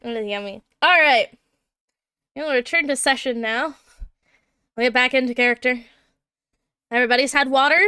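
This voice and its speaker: Woman, livestream game master; bright, clear, dry close sound, chatty and giggly. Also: sits high, moderate pace, long pauses, no room sound. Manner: chatty, laughs often, hums while looking things up. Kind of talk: running a tabletop game on a livestream.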